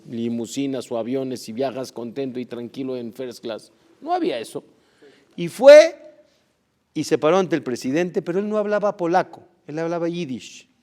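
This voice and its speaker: A man, a rabbi, giving a sermon as an animated storyteller who acts out the dialogue of his tale. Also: mid-range voice.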